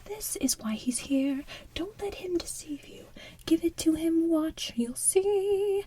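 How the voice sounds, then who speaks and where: A woman voicing a smothering, manipulative villain mother from an animated musical, in soft whispered singing. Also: very high voice, slow, a little hiss or hum, pitched above the performer's own voice, full character voice. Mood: sly, warning.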